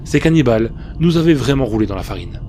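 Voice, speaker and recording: A man reads a scripted first-person creepypasta as a narrator, with soft music behind him. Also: mid-range voice, very animated, fast, slight background noise. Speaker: horror story narrator. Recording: faint music bed behind the voice. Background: soft background music.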